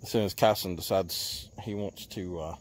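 A man, chatting casually while fishing from an outdoor lake dock, recorded on a handheld phone and often talking low and hushed. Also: fairly even intonation, moderate pace. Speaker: fishing vlogger. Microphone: handheld phone camera.

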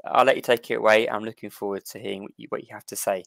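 A man's voice: on the low side, fairly even intonation, very fast, gravelly, a bit bright, dry recording. A man hosting an online history talk, chatty, often repeating words and restarting as he welcomes people. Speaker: host.

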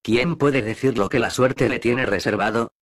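A man's voice: mid-range voice, moderate pace, close to an everyday voice. A man voicing a stern, kindly ship's doctor in an audiobook, firm and reassuring.

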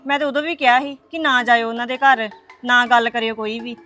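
A woman's voice: a little high, fairly even intonation, brisk, sharp tone, soft background music. A woman plays a young wife who soothes and placates her upset relatives. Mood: placating. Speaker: daughter-in-law. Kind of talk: family web series acting.

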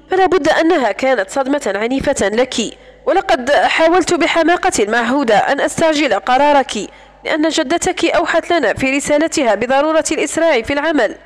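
Casting: a woman reading a serious, businesslike man, lightly voiced in a high register, storybook. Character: composed man handling family affairs.

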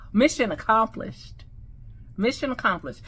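A woman with a slight lisp, speaking with new veneers in an excited, gushing casual vlog to her viewers. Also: on the high side, takes it slowly, breathy edge. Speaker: vlogger. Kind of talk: casual product review vlog.

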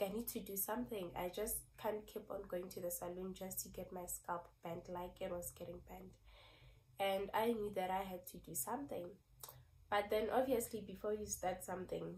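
A woman's voice: mid-range voice, darkish tone, poor audio. Chatty young woman vlogger with a cold. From South Africa. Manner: chatty, repeats thanks, says "yo" and "like". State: has a cold, slightly squeaky voice. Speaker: beauty vlogger. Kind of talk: casual vlog talk to camera.

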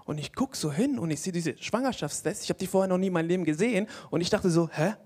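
A young man from Palestine doing an animated stand-up comedy set on stage, often laughing at his own jokes. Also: high voice, quick pace. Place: comedy stage before a live audience.

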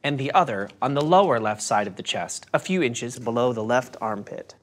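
A man narrating a scripted first-aid lesson in a calm, step-by-step instructive manner. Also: medium pitch, normal speed.

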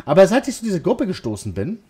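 A man reading a game's lines as a shy young woman ghost hunter, in a gently softened feminine lilt. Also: high voice, wildly swooping pitch, fast, slightly rough, voice pushed up, full character voice. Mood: friendly. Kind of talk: reading game dialogue aloud.

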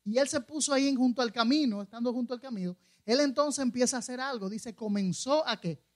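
A man's voice: very high-pitched, fast talker. A man preaching a conversational sermon, often asking the congregation questions and retelling scripture stories with acted-out quotes. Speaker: pastor.

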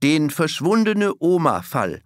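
Guy doing a high-pitched cross little girl, audiobook kid voice, swoopy. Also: very animated, takes it slowly, dry recording, studio quality. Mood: wide-eyed. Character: indignant young village girl, tearful.

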